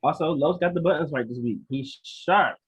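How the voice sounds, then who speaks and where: A man co-hosting a casual comedy podcast over a video call, joking and laughing often, his voice trailing off low. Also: moderate pace, husky, rough recording. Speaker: podcast co-host.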